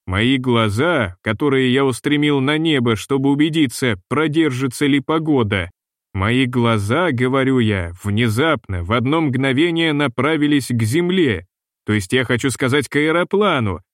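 A man's voice: medium pitch, expressive, no echo, clean studio sound, lightly acted. A man reading Pettibon, a mournful ship's purser. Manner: slow, mournful and long-winded. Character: fussy, gloomy ship's purser, middle-aged man.

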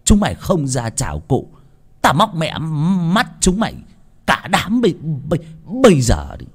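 A man voicing a bullying young servant who shouts and stammers. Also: on the high side, wildly swooping pitch, normal speed, husky, pitched above the performer's own voice, full character voice. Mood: angry.

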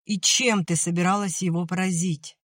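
A woman's voice: lowish voice, steady tone, normal speed, no echo, studio quality, voice pushed up, lightly acted. Woman voicing a furious scolding uncle. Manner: shouting, scolding. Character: furious, stern middle-aged uncle.

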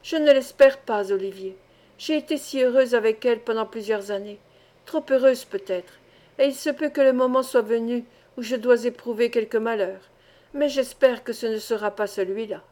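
A woman voicing a tender, grave elderly aunt in a storybook reading, solemn and gently reproving. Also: a little high, normal speed, natural voice.

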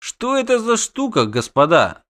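A man's voice: on the high side, sing-song, moderate pace, fairly bright tone, pitched above the performer's own voice. A man reading the part of a middle-aged male innkeeper who talks in fussy, alarmed exclamations. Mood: wary.

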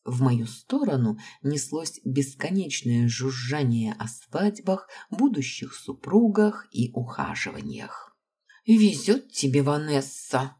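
A woman narrating an audiobook in the first person, with a very low, dark and husky voice. Her delivery is expressive, with lively, wide-ranging intonation. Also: slow.

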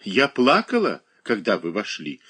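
A man voicing a capricious, childish young married woman who whines and pouts in a high, drawn-out voice. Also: huge pitch swings, pushed and bright, husky, full character voice. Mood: whiny coquettish.

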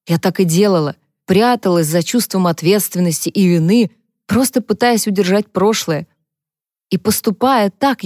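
Woman reading as a gentle, motherly older woman. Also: lowish voice, no room sound, clean studio sound, close to an everyday voice.

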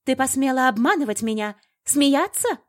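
Storybook villainess, shrill and frenzied, read by a woman narrator. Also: lively intonation, normal speed. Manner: shrieking, demanding. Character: fanatical female villain, shrill and unhinged.

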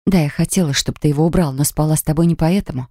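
A woman reading an audiobook voices a proud, quick-tempered young woman who talks sharply and indignantly. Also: sits low, warm tone, dry recording, studio quality.

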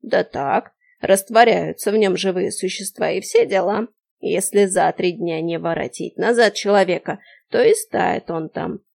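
A creaky, mumbling old shopkeeper woman, as a woman reading an audiobook puts her on, drawling her words slowly and waving off every worry. She sounds nosy and unhurried, like a storybook granny. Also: lowish voice, a little mellow. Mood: scolding. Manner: slow, unhurried and dismissive. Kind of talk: audiobook character voice.

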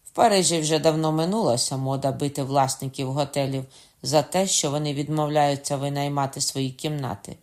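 An audiobook reader voicing a calm, sarcastic innkeeper. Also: medium pitch, moderate pace, natural voice. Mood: calm mocking. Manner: unruffled and sarcastic. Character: calm mocking middle-aged innkeeper. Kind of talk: audiobook character voice.

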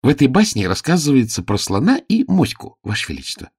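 A man's voice: medium pitch, wildly swooping pitch, fast, darkish tone, slightly rough, no room sound, clean studio sound, voice pushed up, exaggerated voice. A man voicing an earnest, brave young girl disguised as a page in an audiobook drama, speaking in a raised, pleading voice.

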